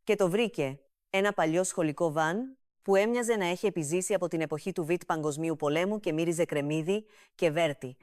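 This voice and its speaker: Woman, story narrator, comic tale, steady even delivery, smooth tone, dry close recording. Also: fairly low pitch, few pauses, no echo.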